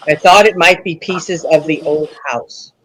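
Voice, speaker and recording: A man's voice: fairly high pitch, fairly even intonation, measured pace, a bit bright, slightly rough, low-quality recording. A man chatting casually during a paranormal session, musing and asking questions in short, tentative phrases.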